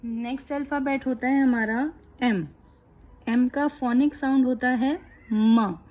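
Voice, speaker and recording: A woman teaching young children letter sounds, explaining each one slowly and clearly. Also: high voice, darkish tone, dull audio. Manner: slow, clear, patient explaining. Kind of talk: kids' phonics lesson.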